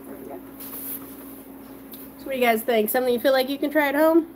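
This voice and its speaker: Her voice sits high and fast with a darkish tone as she fries food at home on a cooking livestream. An adult with children, she reads and answers viewer comments in casual chat. The recording is rough, with slight background noise.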